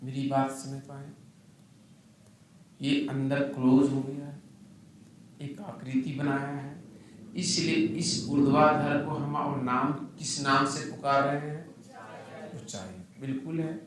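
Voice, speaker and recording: A man's voice: medium pitch, fairly even intonation, takes it slowly, long pauses, a bit bright, a little hiss or hum. A man teaching maths in a classroom lecture, who keeps asking the class questions and answering them himself. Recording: echoey room, mic at a distance.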